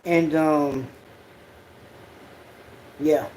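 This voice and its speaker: A person with a Southern US accent chatting casually on a livestream in an unhurried, slangy, profane way. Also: medium pitch, steady tone, a little mellow, a little hiss or hum, poor audio. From Southern United States. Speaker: livestream host.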